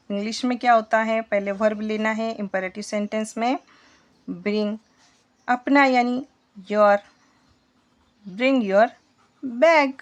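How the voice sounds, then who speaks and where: A woman teaching a spoken English lesson in Hindi, patiently quizzing her students as she goes. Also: a little high. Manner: slow, patient, asks the class questions.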